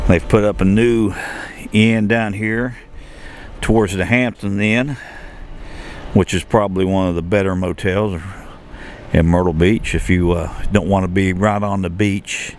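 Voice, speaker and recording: A travel vlogger with a deep voice rambles through a casual walking tour outside a shopping and entertainment complex, full of fillers and restarts. There's slight background noise.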